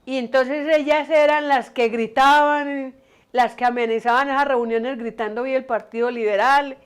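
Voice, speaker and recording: Storyteller: older woman, Antioquian accent, rambling and amused, smooth tone. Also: high-pitched, steady tone, normal speed. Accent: Antioquian Colombian Spanish. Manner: meandering, frequent restarts, amused. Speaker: storyteller recalling her mother. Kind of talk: casual oral storytelling.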